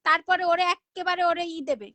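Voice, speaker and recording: Loud teasing woman on a dry phone mic. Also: extremely high pitch, normal speed, no room sound. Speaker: live stream host. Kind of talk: casual live chat.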